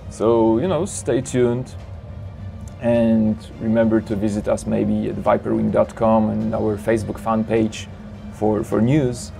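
Warm and gravelly, this lowish male voice pitches flight simulator cockpits with upbeat enthusiasm. Background music accompanies the product narration, and he often adds "you know" and "of course."

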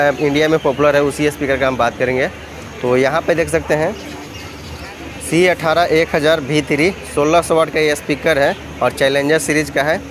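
Man, a bit high-pitched, steady repetitive vlogger delivery, noisy hall, phone recording. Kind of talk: walkthrough vlog listing prices. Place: busy indoor trade expo hall.

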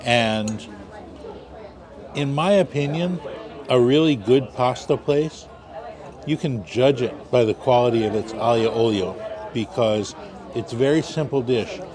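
Male food vlogger, mid-pitched voice, easygoing and explanatory, busy crowd chatter and traffic behind. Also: a little slow, long pauses. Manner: easygoing, explains dishes step by step. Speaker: food vlog host. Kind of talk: casual food review commentary. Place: outdoors on a busy city street. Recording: busy crowd noise outdoors. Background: crowd chatter and passing traffic.

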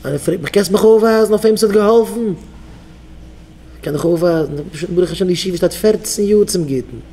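Mellow-voiced rabbi exhorting his students. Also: high-pitched, quick pace. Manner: exhorting, leads the crowd in call-and-response chants. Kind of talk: Yiddish sermon to yeshiva students.

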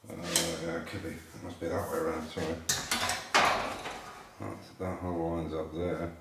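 A man in his sixties with a deep, level voice talks at a moderate pace through the steps of metal fabrication as he works on a classic car, thinking aloud with plain fillers. This workshop how-to narration comes from a large indoor car workshop, and the echoey room makes the recording very noisy.

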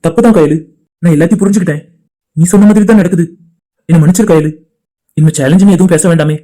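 A man voicing a remorseful young man in a cartoon, speaking softly and apologetically. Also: fairly high pitch, racing, close to an everyday voice. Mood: apologetic. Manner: soft, apologetic talk.

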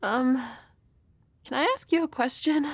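In this shy, flustered roleplay, a woman with a high voice speaks a little slowly as a dorky young woman nervous about her crush. She hesitates, stammers and keeps apologizing in an intimate audio with no echo.

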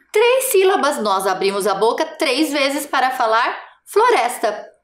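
A woman teacher with a Brazilian Portuguese accent leads a first-grade class on television, prompting young children slowly and patiently. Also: a little high, reverberant. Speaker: primary school teacher.

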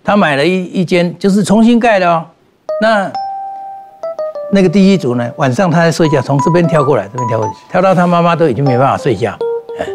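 A man's voice: a little high, expressive, fast talker. Earnest man explaining over music. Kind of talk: explaining on a talk show. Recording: studio with background music.

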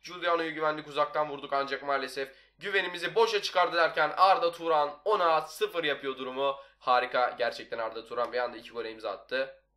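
A young man hosts a gaming video in a casual, talkative way. His voice sits a little high for a man and has a bright, forceful edge. He keeps up a running commentary as he plays. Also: steady tone, quick pace. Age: young adult. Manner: chatty, talks nonstop. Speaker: YouTuber, gaming video host. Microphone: desktop microphone.

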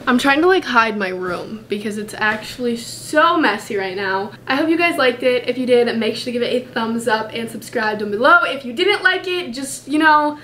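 Young woman, American accent, higher voice, slight lisp, casual beauty vlog chat, echoey room. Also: animated, moderate pace, few pauses, a bit bright. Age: young adult. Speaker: beauty vlogger. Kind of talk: casual chatty tutorial. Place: indoors in bedroom and bathroom. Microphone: camera a short distance away. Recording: echoey room, clear background noise.

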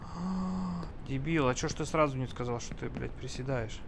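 A man's voice: mid-range voice, moderate pace, vocal fry, noisy background. A man doing casual gameplay commentary as a raging gamer, irritable, grumbling and swearing. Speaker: gamer recording a first-look playthrough. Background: video game ambience.

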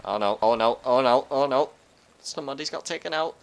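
A man's voice: medium pitch, fairly quick, gravelly, a little hiss or hum. A man chatting over in-game voice while playing a shooter, joking, trash-talking and breaking into silly singing. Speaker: gamer doing in-game voice chat. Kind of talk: casual game chat.

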